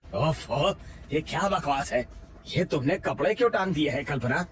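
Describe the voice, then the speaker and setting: A man's voice: on the high side, expressive, normal speed, a bit bright, soft background music. A man voicing an annoyed office-going husband in a cartoon, scolding and irritable. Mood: irritated.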